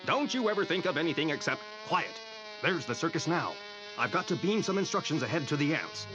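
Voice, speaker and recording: A bossy science superhero, businesslike, a bit high, music behind. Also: male voice, sing-song, a little fast. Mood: commanding. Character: brisk, impatient scientist superhero commanding ants. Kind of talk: animated superhero comic voice acting. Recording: dull sound with music behind.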